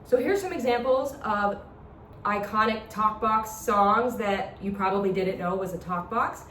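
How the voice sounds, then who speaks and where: The woman leading this talk box demonstration speaks a little slowly, her medium-pitched voice fairly bright. She explains step by step in a casual lecture style, and the recording sounds echoey and distant, with noise behind her.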